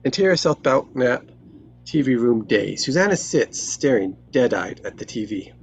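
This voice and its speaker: A husky-voiced narrator reads stage directions from a screenplay at a table read, using present-tense scripted narration. The voice sits mid-range but swings widely in pitch at a normal speed, with a little hiss or hum in the background.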